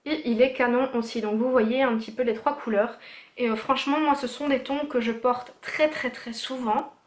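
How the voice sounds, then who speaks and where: A chatty woman with a fairly high voice presents a casual beauty haul, brimming with enthusiasm and sprinkling fillers as she goes. She speaks into a camera mic in a room at home. The room gives her voice a noticeable echo. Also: fairly even intonation, normal speed. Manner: chatty and enthusiastic, full of "voilà" and "euh". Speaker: beauty vlogger. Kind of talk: casual make-up haul vlog. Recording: echoey room.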